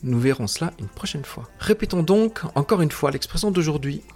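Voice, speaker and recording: Lively-voiced man teaching a language lesson. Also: on the high side, soft background music. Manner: patient, explanatory, spells out sounds slowly.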